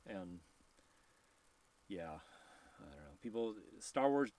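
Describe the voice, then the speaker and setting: A man's voice: fairly low pitch, big pitch swings, takes it slowly, a little mellow, a little hiss or hum. A man hosting a casual live stream, rambling, laughing often and reading viewer questions aloud.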